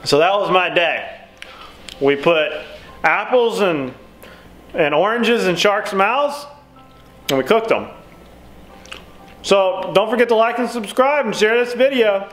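A man's voice: high voice, slow pace, pauses often, fairly bright tone, roomy sound, faint music behind. A man filming a fishing vlog, chatting and joking easygoing banter while tasting food. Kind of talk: casual vlog chat.

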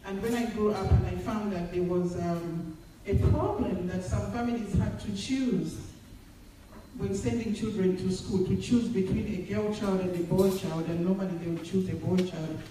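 A woman's voice: medium pitch, fairly even intonation, background noise. Woman from Zambia speaking in an echoey hall. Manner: measured, hesitant with many fillers. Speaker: panel speaker at a women's forum. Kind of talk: public speech at an event. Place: large hotel function room with a seated audience. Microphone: far phone camera in the audience. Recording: echoey hall heard from far off.

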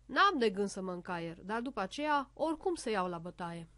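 A woman's voice: mid-range voice, sing-song, pushed and bright, no room sound. A woman reading a storybook aloud, voicing a strict little female hospital doctor who scolds her patients. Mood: stern. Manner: stern, scolding.

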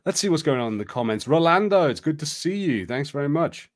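A man hosting a live stream, switching between casual chat and expressive storybook read-aloud narration. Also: a little high, fast talker. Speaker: host of a live gamebook stream.

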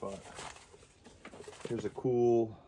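A man's voice: medium pitch, level tone, drawn-out words, warm tone, a little hiss or hum. A man giving casual commentary to himself as he digs through boxes in a cluttered storage locker. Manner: mutters to himself while digging through boxes. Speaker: reseller vlogger.

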